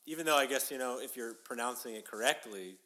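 A man's voice: mid-range voice, fast, pushed and bright. A man, chatting casually and laughing often as he talks. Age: 30s. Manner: laughs often while talking. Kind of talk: casual chat.

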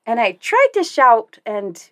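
A young woman telling a story in casual conversation, animated and laughing often as she acts out what she said. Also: on the high side, a little slow. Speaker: guest telling a cycling story.

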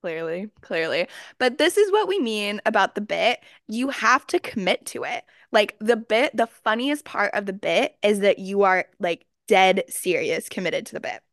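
A young woman from Texas co-hosting a podcast, chatting casually and telling animated stories with acted-out quotes and lots of fillers. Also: medium pitch, moderate pace, hardly any pauses, no room sound, clean studio sound. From Austin, Texas. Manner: animated storyteller, acts out quotes, many fillers. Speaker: podcast co-host. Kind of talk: casual chat, storytelling.

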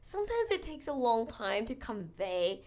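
A young woman co-hosting a podcast, talking casually with a hoarse voice and laughing often. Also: fairly high pitch, sing-song, moderate pace, darkish tone. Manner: laughs often, chatty and upbeat. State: hoarse, voice mostly gone. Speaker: podcast co-host. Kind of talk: casual chat.

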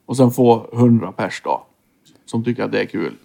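A man with a gravelly, creaky voice who talks over ideas slowly and holds firm opinions. He chats casually with his bandmates. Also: fairly low pitch, mellow. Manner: musing, opinionated. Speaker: band member. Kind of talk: casual chat.

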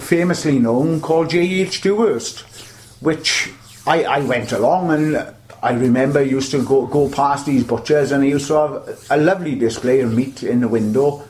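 This interview guest is a veteran butcher, an older man from the South Wales Valleys whose storytelling wanders and keeps starting over. He speaks at a moderate pace in a mid-range, slightly mellow voice.

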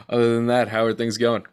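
A man's voice: mid-range voice, darkish tone, clean tone. A man hosting a podcast in casual, colloquial chat, talking like he's with a buddy. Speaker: podcast host.

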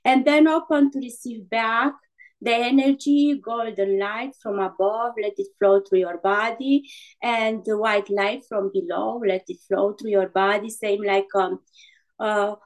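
A woman leading an unscripted guided relaxation like a sleep story narrator, soothing and halting, with gentle instructions. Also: medium pitch, fairly even intonation, low-quality recording. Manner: soothing, halting delivery with gentle instructions and repeated breathing cues. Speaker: guided meditation leader.

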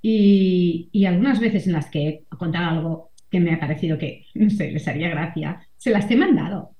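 A woman's voice: fairly low pitch, moderate pace, warm tone. Reflective middle-aged woman, roomy sound. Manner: reflective, frequent tag questions. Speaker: guest, columnist and mother. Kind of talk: conversational interview. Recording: roomy, slightly dull sound.

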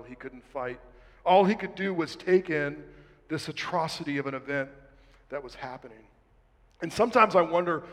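A man delivers an impassioned sermon in a voice set a little high for a man, rising to loud emphasis and dropping to near-whispers. His words echo with a long reverb through a large hall. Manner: dramatic, swings from loud to hushed, slows for emphasis. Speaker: pastor.

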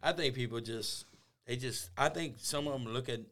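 A man's voice: medium pitch, normal speed, fairly bright tone. A man with a Cajun accent chatting casually as a podcast guest, folksy and joking, with salty language. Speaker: guest, online cooking personality.

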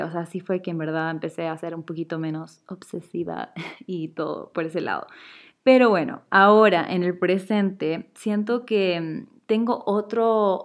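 A woman in her twenties, born in Chile, talking candidly and casually to her viewers, with lots of fillers and light laughs. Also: on the low side. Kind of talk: casual vlog monologue.

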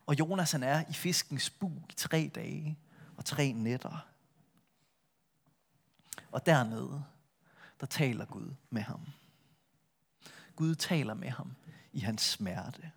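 A middle-aged man preaching a sermon, retelling a Bible story with lively shifts between a full voice and a soft hush. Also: medium pitch, creaky, pauses often, slightly rough. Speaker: pastor.

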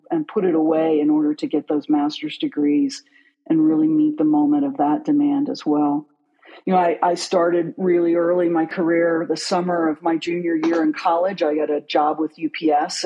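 Reflective guest from West Virginia, husky and mellow. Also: medium pitch, poor audio. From West Virginia, USA. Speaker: guest, business leader. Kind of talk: reflective personal storytelling.

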